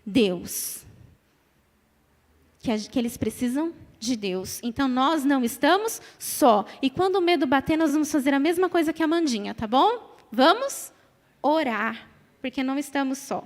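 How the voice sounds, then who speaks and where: High-voiced Brazilian woman preaching. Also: lively intonation, moderate pace. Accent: Brazilian Portuguese. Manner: emphatic, repeats phrases, calls on the congregation to respond. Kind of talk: church sermon. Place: church hall. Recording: reverberant church hall.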